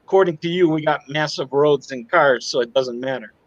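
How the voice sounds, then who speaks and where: A man's voice: fairly high pitch, a little fast, no echo, lo-fi sound. Teasing American man on a call. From United States. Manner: teasing, rambling. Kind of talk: casual chat on a video call.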